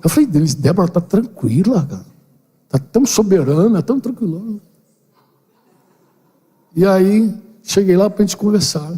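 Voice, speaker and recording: An older man, a pastor, giving a lively conversational sermon to a seminar, acting out little dialogues with playful slang. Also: high voice, normal speed, long pauses, slightly rough. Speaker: pastor leading a parenting seminar. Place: church building hall. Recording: long hall reverb.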